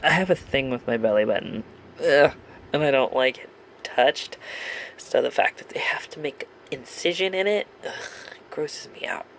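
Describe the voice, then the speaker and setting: A man's voice: medium pitch, moderate pace, creaky, a bit bright, slight background noise. A man chatting casually to camera in a vlog, rambling with lots of ums, joking frankly and laughing at himself, at home. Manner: candid and joking, swears casually. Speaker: vlogger. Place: at home with his cat.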